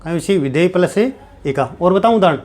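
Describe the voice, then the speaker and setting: A man's voice: sits high, lively intonation, moderate pace, a little mellow. A man teaching a grammar lesson, repeating each step and answering his own questions. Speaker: Sanskrit teacher.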